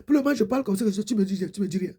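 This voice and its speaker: A woman's voice: medium pitch, lively intonation, racing, warm tone, breathy edge. A woman preacher giving a fervent exhortation and prayer, repeating her pleading prayer lines.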